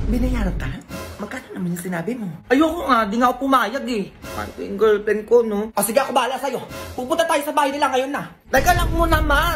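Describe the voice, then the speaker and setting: Comic doing every role in a sketch, slightly high voice, faint music behind. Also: female voice. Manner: switches between many characters. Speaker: comedy sketch creator playing all parts. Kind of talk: comedic sketch acting.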